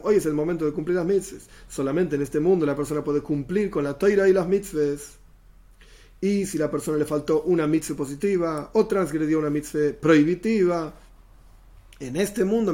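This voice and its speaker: A man's voice: on the high side, darkish tone. A man giving a Torah lesson, explaining Hebrew terms and glossing each one in plain language. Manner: explanatory, repeats Hebrew terms then glosses them in Spanish. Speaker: Torah teacher.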